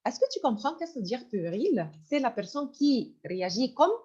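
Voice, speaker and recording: This online French lesson comes from a woman whose slightly high voice is sing-song, a little mellow and breathy at the edge, moving at a moderate pace. She's patient and repetitive, explaining vocabulary and frequently switching to English, though the lo-fi recording sounds dull.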